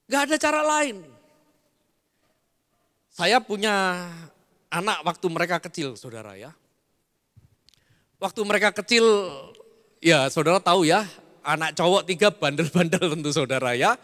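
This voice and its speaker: Middle-aged pastor guy preaching, lively and emphatic, high bright voice, big church hall reverb. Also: unhurried, long pauses. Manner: animated preaching with bursts of emphasis and asides to the congregation. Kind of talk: sermon.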